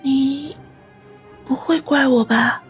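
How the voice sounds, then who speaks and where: A woman voicing a badly wounded young girl who talks in a weak, halting, breathy whisper. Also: high voice, steady tone, fairly bright tone, faint music behind. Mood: weak, tender. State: dying, weak. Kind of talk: audiobook character voice.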